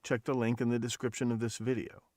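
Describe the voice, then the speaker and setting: With a flat, fast delivery and a medium-pitched, slightly mellow voice, a podcast host rambles through casual talk on a livestream. He curses freely and keeps restarting his sentences to self-correct, all in clean studio audio with no echo.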